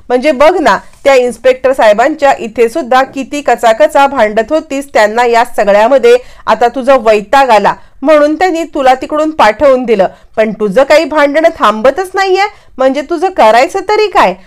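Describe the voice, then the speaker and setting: A sarcastic young man picking a fight, as a woman narrator reads his lines. The delivery is high and clean, and every line lands as a taunt. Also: moderate pace, hardly any pauses, smooth, lightly acted. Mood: irritated, taunting. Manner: taunting, argumentative.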